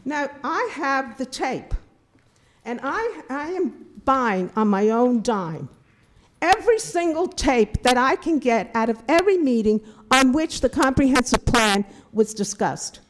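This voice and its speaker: A woman's voice: high-pitched, big pitch swings, unhurried, a little hiss or hum. An older woman giving an indignant, emphatic public comment at a town board meeting, speaking into a podium microphone in a meeting room. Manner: indignant, emphatic, repeats herself. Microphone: podium microphone, filmed from a distant camera.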